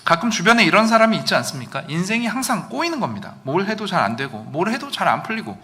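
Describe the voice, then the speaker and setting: A male pastor delivers a sermon in a church with a bright, forceful tone. His voice sits fairly high and moves through a wide, lively range. He sometimes breaks into loud outbursts to act out quoted lines. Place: church sanctuary.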